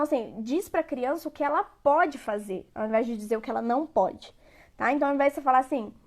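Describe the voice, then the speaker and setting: A woman giving a parenting lecture, conversational and repetitive, often checking in with her listeners. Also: sits high. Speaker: parenting educator.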